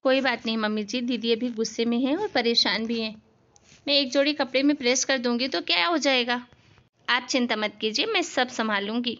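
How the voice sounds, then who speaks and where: A woman voicing a polite, patient young daughter-in-law in an animated family story, speaking softly and respectfully. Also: a little high, a little fast, dull audio, natural voice. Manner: soft, respectful, soothing. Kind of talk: animated cartoon voice acting.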